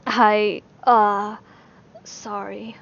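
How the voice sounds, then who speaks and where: A woman's voice: mid-range voice, flat delivery, very slow, creaky, a bit bright, full character voice. A woman voicing a flustered young male magician who stammers. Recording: slightly dull lo-fi recording.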